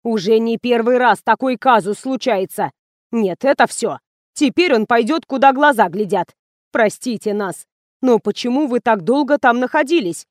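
A woman's voice: a little high, normal speed, no echo, clean studio sound, close to an everyday voice. A woman reading an audiobook, voicing a fussy, bossy middle-aged female doctor who scolds and blusters. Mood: flustered. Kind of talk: audiobook character voice.

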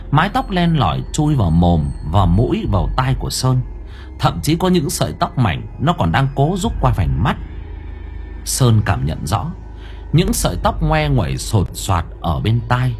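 A man's voice: medium pitch, wildly swooping pitch, measured pace, a little mellow, soft background music. A man narrating a horror story in a dramatic storytelling manner. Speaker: audiobook narrator.

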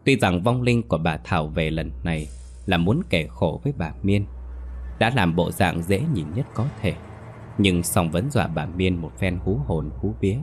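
A man narrating a ghost story in a steady, grave manner. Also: deep voice, moderate pace, slight background noise. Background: faint music.

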